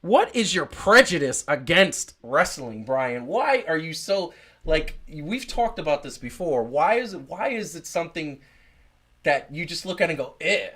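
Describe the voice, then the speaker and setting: A man hosting a casual chat podcast, talking in a loose, rambling way full of ums and restarts. His voice sits a little higher than most men's. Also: very animated, measured pace, fairly bright tone. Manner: rambling, many fillers and restarts. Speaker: podcast host.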